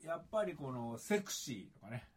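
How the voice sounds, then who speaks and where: A man's voice: medium pitch, big pitch swings, moderate pace, slight background noise. A man co-hosting a podcast, chatting casually and teasing his partner. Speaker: podcast co-host. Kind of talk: casual chat.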